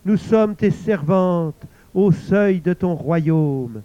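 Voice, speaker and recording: A man voicing a chorus of hanged women spirits, wailing slowly. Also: high-pitched, dark tone, dry recording, lo-fi sound, pitched above the performer's own voice. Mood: wailing lament. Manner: wailing, slow.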